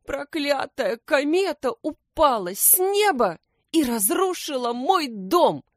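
A woman's voice: on the high side, expressive, takes it slowly, no room sound, studio quality, pitched above the performer's own voice. A woman voicing a fussy, tearful little male hedgehog who whines and complains. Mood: whiny. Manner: whiny, complaining.

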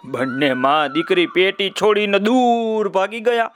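Bright, high-voiced male storyteller. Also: unhurried, soft background music. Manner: lively, folksy asides to listeners. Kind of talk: children's folk tale narration.

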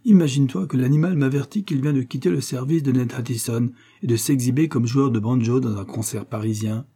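A man's voice: medium pitch, fairly quick, warm tone, husky. A man playing a doting, blustering rich father in an audiobook, coaxing with forced jovial cheer.

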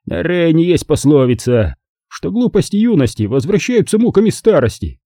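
Brief: man playing a smug heavyset aristocrat, rough-edged and drawling, dark husky tone. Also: fairly high pitch, sing-song, moderate pace, no echo, clean studio sound, voice pushed up. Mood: mocking. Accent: slight German. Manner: lazy, condescending, teasing. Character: bald, heavy, haughty German count, mocking.

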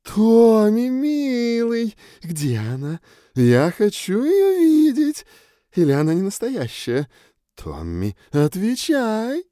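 A man voicing a loud, plump, middle-aged red-haired mother with a shrill, high, booming voice and a fussy, demanding manner. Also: wildly swooping pitch, takes it slowly, no echo, studio quality, full character voice.

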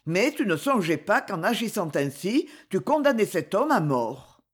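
A man's voice: high voice, very animated, slightly rough, exaggerated voice. A woman reader voicing a cruel, sarcastic aristocratic count who speaks coldly and with menace. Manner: cold, sneering, measured.

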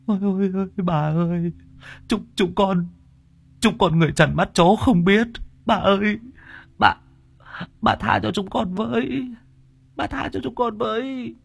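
A man's voice: sits high, a little slow, gravelly, pauses often, slightly rough, voice pushed up, heavily acted. A man voicing a panicky, cheeky young male laborer who stammers and talks frantically. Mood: begging.

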